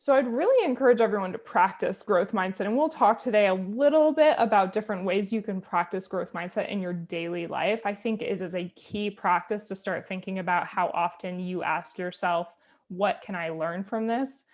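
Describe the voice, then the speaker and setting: A woman giving a conversational talk on design thinking, relaxed and thinking aloud, with tag questions and fillers, heard over a video call. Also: medium pitch, fairly quick, hardly any pauses. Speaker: guest speaker on design thinking.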